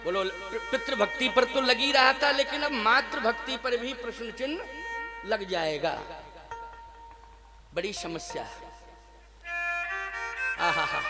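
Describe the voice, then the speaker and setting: A man giving a devotional sermon, asking the listeners rhetorical questions and chanting verses slowly and emphatically. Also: high voice. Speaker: kathavachak preacher. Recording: live music behind the voice. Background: musical instruments.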